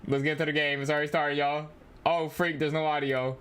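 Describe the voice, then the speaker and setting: Playing a game on his livestream, a young man speaks a little fast in a fairly high, smooth, and fairly bright voice with flat delivery. His casual chat is slangy, and he addresses viewers as bro and y'all like friends.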